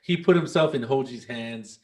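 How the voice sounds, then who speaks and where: A man narrating and refereeing a tabletop role-playing game, pausing often with fillers and restarts. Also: medium pitch, a little mellow. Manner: halting, many fillers and restarts. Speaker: game master.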